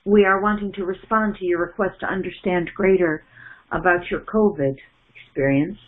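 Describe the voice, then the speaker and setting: A middle-aged woman channels a spiritual message in the first person plural, speaking in a halting, measured way and often restarting and repeating words. Her voice is lowish with fairly even intonation. She's in a small room at home using a wired earphone mic on a webcam call, giving a narrow, phone-like sound.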